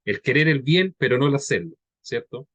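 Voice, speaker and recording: A man delivers a sermon in a conversational teaching tone, his voice sitting at an ordinary middle pitch. He keeps checking in with his listeners and slows down when he reads scripture. The sound is dry and close, with no room echo. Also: lively intonation, a bit bright, lo-fi sound. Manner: conversational teaching, frequent "¿ya?" and "¿verdad?" tags; reads scripture slowly and deliberately. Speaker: preacher.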